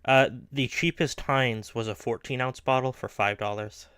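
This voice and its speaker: A man's voice: medium pitch, normal speed, clean tone, no room sound, clean studio sound. A man streaming a truck game, chatting offhandedly with a friend about everyday things. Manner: relaxed, offhand small talk. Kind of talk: casual chat while gaming.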